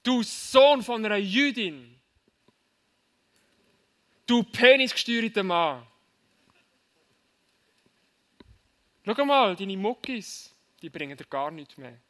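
A man preaching voices a jeering mocker who taunts a fallen strongman with loud, shouted insults. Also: a little high, steady tone, measured pace, long pauses. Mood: mocking.

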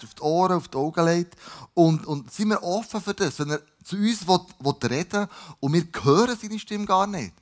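A middle-aged man with a Swiss German accent, preaching a sermon in a conversational way and retelling a Bible story with asides. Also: fairly high pitch. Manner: conversational, with asides and restarts, stressing words by repeating them. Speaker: pastor.

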